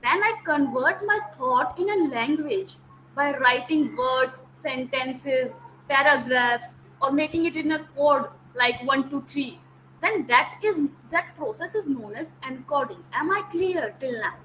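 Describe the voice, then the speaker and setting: An academic counsellor, a woman whose native language is Hindi, teaches an online lecture over a video call in a high-pitched, sharp voice, a little slow. She explains step by step, repeating key terms and checking that students follow. The recording is rough, with slight background noise.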